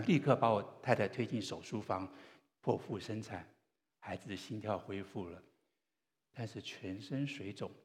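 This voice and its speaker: A man preaching in a church hall, his lowish voice carried by a long reverb. He tells stories in an earnest way and pauses gently between phrases. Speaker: pastor. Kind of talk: sermon.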